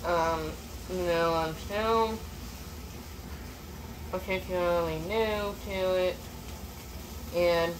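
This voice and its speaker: A woman's voice: lowish voice, steady tone, extremely slow, pauses often. Young woman, casual home cooking vlog, rambling with fillers and restarts, phone close up, noisy recording. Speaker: cooking vlogger. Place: small home kitchen, indoors. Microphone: phone camera close up.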